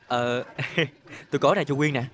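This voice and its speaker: A man's voice: mid-range voice, steady tone, normal speed, natural voice. An actor playing a lovestruck, spoiled young man with a Southern Vietnamese accent, pleading in a boyish way. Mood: eager. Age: young adult.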